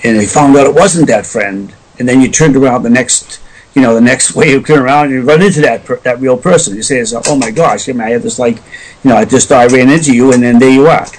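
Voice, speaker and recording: Rambling male interview guest, medium pitch. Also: low-quality recording. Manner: rambling, halting, self-correcting. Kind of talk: conversational explaining.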